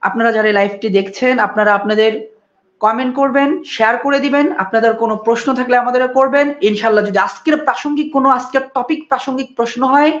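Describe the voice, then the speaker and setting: A woman's voice: fairly high pitch, fast talker, echoey room, dull audio. A woman giving a live Islamic question-and-answer lecture, arguing through a string of rhetorical questions. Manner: argumentative, poses rhetorical questions. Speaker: Islamic speaker.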